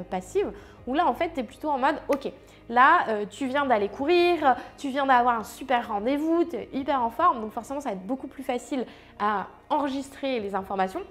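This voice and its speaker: Chatty French-speaking woman teaching. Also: on the high side. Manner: chatty, many fillers, addresses viewer directly. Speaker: language teacher. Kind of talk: casual explanatory lesson.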